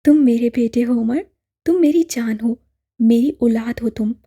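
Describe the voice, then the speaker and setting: A woman's voice: fairly high pitch, a little slow, warm tone, breathy edge. A woman voicing an adoptive mother who insists tearfully on her love, in an audiobook drama. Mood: pleading. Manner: insistent, emotional.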